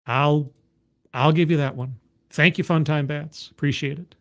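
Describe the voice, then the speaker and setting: A man with a fairly high voice and fairly even intonation speaks at a moderate pace, with slight background noise. He's streaming casual commentary on a video he's watching, adding skeptical, wry asides and thanking chat viewers.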